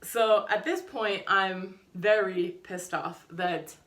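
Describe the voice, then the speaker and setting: A woman's voice: mid-range voice, slow. A woman vlogging in a casual storytelling way, frank and outspoken, acting out what people said. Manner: frank and outspoken, swears freely; animated, acts out quotes. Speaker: family vlogger.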